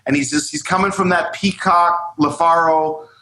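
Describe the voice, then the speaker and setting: Male interview guest with a slightly high voice, recorded in an echoey room. Chatty, animated, rambling storyteller. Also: moderate pace. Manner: animated, rambling, heavy use of "like" and "you know". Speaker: guest musician, drummer.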